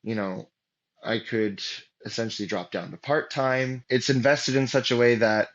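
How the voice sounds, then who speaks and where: Man, interview guest, casual rambling storyteller, medium pitch, slightly muffled audio. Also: normal speed, fairly bright tone. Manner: rambling, many fillers and restarts, acts out quotes.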